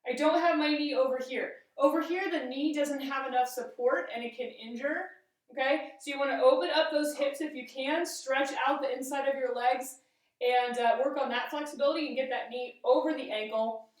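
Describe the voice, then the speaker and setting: A woman's voice: high-pitched, normal speed. A woman teaching fencing as an instructor, explaining a demonstration step by step and often checking in with a short "okay?". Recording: very echoey room, distant microphone.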